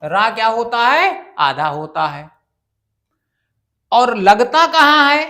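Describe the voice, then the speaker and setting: Slow, bright-voiced grammar teacher drilling students. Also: medium pitch, very animated. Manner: drills by asking questions and answering them; repeats phrases for emphasis. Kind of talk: exam-prep grammar lecture.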